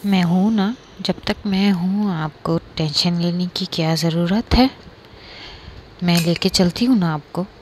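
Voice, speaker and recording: A woman voicing a calm young woman who speaks to her friends in a gentle, reassuring way. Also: lowish voice, unhurried, a little hiss or hum, close to an everyday voice.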